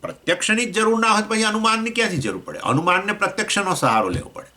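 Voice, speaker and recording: Gujarati-accented male swami teaching scripture; bright, questioning, lively teacher. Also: very fast. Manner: explains with questions to listeners, acts out voices of elements; pitch swings between raised points and low asides. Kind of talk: scripture class lecture.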